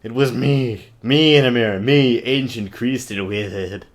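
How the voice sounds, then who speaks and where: A man with a mid-pitched voice, speaking a little slowly, gives a mocking, theatrical, exaggerated reading of a novel, dropping sarcastic comments as he goes. He's an amateur reader and comic commentator, and it sounds like an amateur webcam recording.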